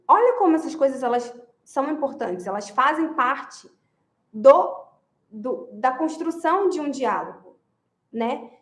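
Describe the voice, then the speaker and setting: A woman's voice: high voice, reverberant. A woman giving marriage advice straight to her listeners, emphatic and repetitive, often leaning on a phrase again and again. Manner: emphatic, repeats phrases, addresses listeners directly. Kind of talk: advice talk to women.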